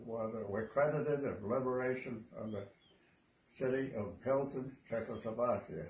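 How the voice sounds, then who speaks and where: An elderly American man, an old veteran remembering his service in a plain, halting way. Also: mid-range voice, darkish tone, slight background noise, poor audio. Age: 80s or older. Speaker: World War II veteran. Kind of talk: personal reminiscence.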